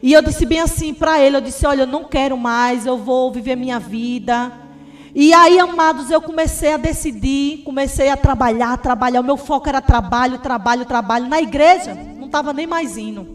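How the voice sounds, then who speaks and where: A woman's voice: sits high, moderate pace, soft background music. A woman evangelist giving a fervent testimony sermon in Brazilian Portuguese, often calling her listeners beloved.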